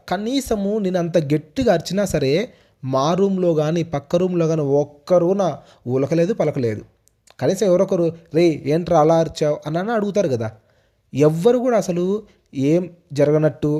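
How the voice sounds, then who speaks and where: A man's voice: fairly high pitch, dark tone. A young man narrating a personal ghost story in a casual, repetitive way with small restarts. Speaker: storyteller host.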